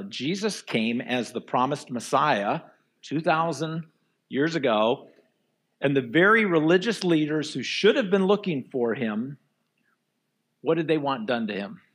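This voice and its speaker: A man's voice: a little high, fairly bright tone, breathy edge. A man giving a sermon as pastor, earnest and asking the congregation rhetorical questions. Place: church before a live congregation.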